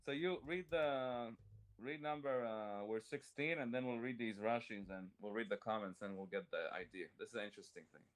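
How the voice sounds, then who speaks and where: This Torah class host talks fairly quickly in a mid-range voice during a casual study chat. He reads out commentary and translates it, breaking ideas down step by step with jokes and examples from daily life.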